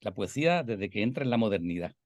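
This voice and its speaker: A man's voice: fairly low pitch, lively intonation, quick pace, a little mellow, dry recording. Older Puerto Rican man, Caribbean Spanish accent. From Puerto Rico. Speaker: interviewed poet and scholar. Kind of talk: reflective, discursive interview answer.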